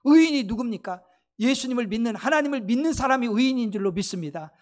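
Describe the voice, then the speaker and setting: A woman pastor delivers a fervent sermon in a high voice. She keeps calling out blessings and hallelujahs. Her pitch and loudness surge, then fall to near murmurs. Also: expressive, quick pace. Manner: sweeping rises and drops in pitch and loudness.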